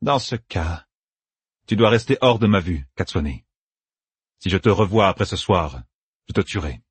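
A man reading an icy, calm, menacing young man. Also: deep voice, a little slow, husky, dry recording, heavily acted. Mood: quiet threat. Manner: cold, even, quietly threatening. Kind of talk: audiobook character reading.

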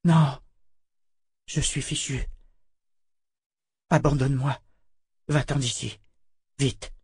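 A man reading a terrified young woman's lines in an audiobook, in a hushed, breathless voice. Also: medium pitch, fairly even intonation, slow pace, breathy edge, pitched above the performer's own voice, heavily acted. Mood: frightened. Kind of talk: audiobook character voice.

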